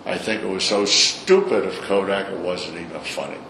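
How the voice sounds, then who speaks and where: Speaking at normal speed in a low voice, an older Brooklyn-accented man recounts his stories informally for an interview recording. He doesn't mince words, sounding salty and full of opinions, and the echoey room carries clear background noise.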